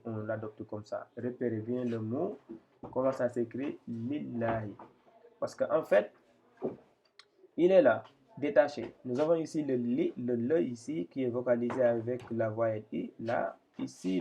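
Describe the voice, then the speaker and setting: A man giving a slow step-by-step reading lesson, hesitating, repeating phrases and spelling out syllables. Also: medium pitch, darkish tone, slight background noise. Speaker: Quran reading teacher. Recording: dull lo-fi sound.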